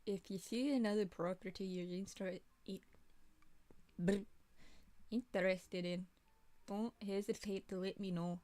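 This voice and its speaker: A woman voicing a thrifty older male cartoon duck businessman, reading his lines in a loud, bossy, businesslike way. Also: mid-range voice, fairly even intonation, unhurried, long pauses, dry recording, natural voice.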